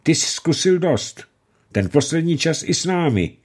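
A man reading the part of a stern, pious old farmer father who speaks firmly and gravely. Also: fairly high pitch, sing-song, pitched above the performer's own voice. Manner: firm, grave and emphatic.

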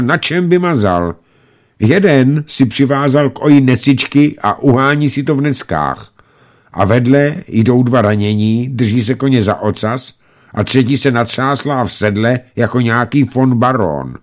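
A man's voice: medium pitch, lively intonation, voice pushed up, close to an everyday voice. A man voicing a scrappy, wary young village boy who talks bluntly and suspiciously. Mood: excited.

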